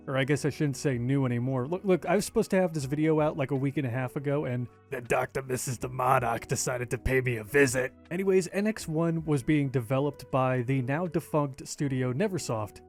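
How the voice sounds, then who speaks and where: A man with a hoarse, raspy voice from a recent illness, narrating a gaming video essay in a casual, chatty way. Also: fairly high pitch, darkish tone. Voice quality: rough, raspy voice.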